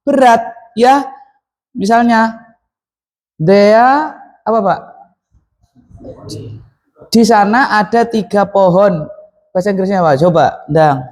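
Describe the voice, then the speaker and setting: A man's voice: extremely high pitch, fairly even intonation, normal speed, pauses often. A man teaching an Arabic grammar lesson in a classroom, often asking the students questions and then answering them himself.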